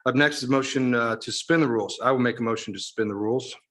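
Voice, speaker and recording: Rapid-fire man chairing a council vote. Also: medium pitch, fairly bright tone, low-quality recording. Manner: rapid procedural motions and vote calls. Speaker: council president chairing a meeting. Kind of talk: chairing a town council meeting.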